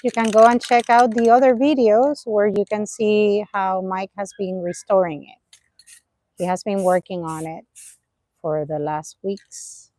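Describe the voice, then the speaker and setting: A woman's voice: mid-range voice, steady tone, measured pace, warm tone, no room sound. A woman from Puerto Rico co-hosting a casual livestream and reading out viewer comments in a friendly way. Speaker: co-host.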